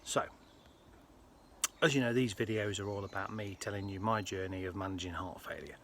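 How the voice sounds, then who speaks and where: Low-voiced British man vlogging. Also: fairly even intonation, normal speed, a bit bright. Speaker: health vlogger. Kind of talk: casual personal vlog to viewers. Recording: faint ambient background noise.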